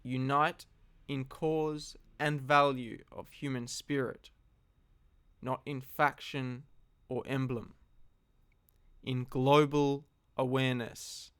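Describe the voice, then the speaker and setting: Slow, deliberate man in reflective monologue. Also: medium pitch, a bit bright, clear, resonant tone, dry recording. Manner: earnest, deliberate, with long pauses between short phrases. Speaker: speaker giving a personal philosophical talk. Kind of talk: solo reflective monologue, slow spoken address.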